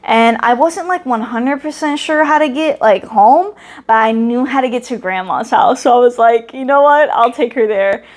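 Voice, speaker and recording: A woman's voice: on the high side, moderate pace. A young woman co-hosting a podcast, telling a childhood story casually and acting out the voices in quotes, often laughing. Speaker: podcast co-host.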